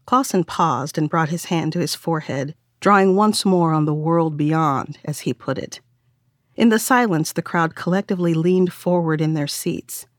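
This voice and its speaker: A woman reading a novel aloud as narrator, in a wry, measured storytelling manner. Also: low-pitched, no echo, clean studio sound. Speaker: audiobook narrator. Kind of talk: scripted narration.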